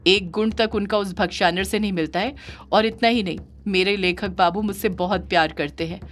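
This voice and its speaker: A woman's voice: medium pitch, fairly even intonation, moderate pace, fairly bright tone, natural voice. A woman voicing a devoted, defiant female yakshini spirit in an audio horror story, speaking firmly. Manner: firm, defiant.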